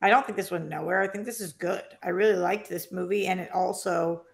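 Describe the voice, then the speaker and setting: A woman's voice: on the low side, a little fast, vocal fry. A woman co-hosting a movie podcast, chatting enthusiastically and rambling through her opinions. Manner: enthusiastic, rambling, trails off mid-thought. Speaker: podcast co-host. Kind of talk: casual movie chat.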